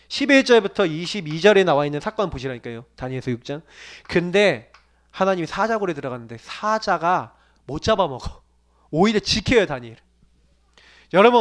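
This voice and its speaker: A male pastor preaching a sermon, animated, swinging from loud declaiming to hushed asides. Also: very high voice. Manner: quotes scripture in raised declaiming voice.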